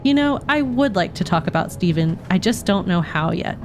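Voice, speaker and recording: A woman's voice: fairly low pitch, animated, moderate pace, background noise. A woman voicing a reserved older woman who is tentatively opening up, read aloud from a novel.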